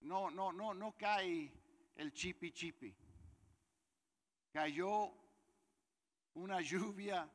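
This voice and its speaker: A man's voice: high voice, drawn-out words, pauses often, a bit bright, long reverb tail. A man preaching a sermon, talking conversationally and putting questions to his congregation. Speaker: pastor.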